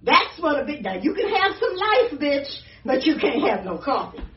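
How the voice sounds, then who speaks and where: A woman's voice: sits high, very animated, normal speed. A middle-aged woman ranting with nonstop swearing and half-laughing anger, out of breath, filmed by someone else's phone in a house. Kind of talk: profane exasperated rant. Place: indoors in a house. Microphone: phone held by someone filming her. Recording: roomy, distant, dull phone audio.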